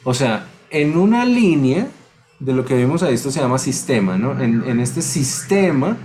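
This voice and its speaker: A man's voice: mid-range voice, big pitch swings, normal speed, darkish tone, a little hiss or hum. A man teaching a music appreciation class over a video call, explaining patiently and tapping out rhythms on sung syllables. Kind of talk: online class lecture.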